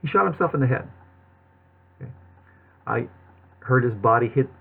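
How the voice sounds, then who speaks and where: A man telling his personal story to viewers in a halting way, with a slight lisp and numb-lipped speech, as if numb from the dentist. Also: mid-range voice, animated, creaky, husky. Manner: halting, with long pauses and repeated words. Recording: thin, phone-like narrowband sound.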